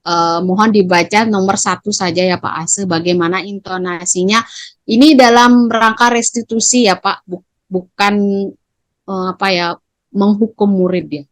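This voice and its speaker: A middle-aged woman presents training material to fellow teachers, voicing sample teacher and student lines with shifting intonation. Her voice sits in a middle pitch and is recorded close, with little room sound. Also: steady tone, normal speed, no echo. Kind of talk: explaining to colleagues in a staff training session.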